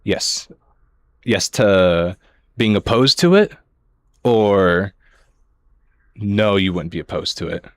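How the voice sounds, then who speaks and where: A man's voice: lowish voice, animated, slow, long pauses, no room sound. A man streaming a game, chatting casually and rambling to his viewers through a headset mic. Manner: rambling, self-correcting talk to viewers. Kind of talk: casual livestream chat. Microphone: headset mic on a livestream.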